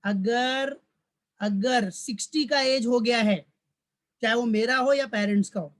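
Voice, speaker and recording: Speaking unhurriedly in an extremely high pitch, a college commerce lecturer records a tax lesson in Hindi and English. His tone is fatherly, he calls the students "beta," and he restates each point while raising questions he then answers.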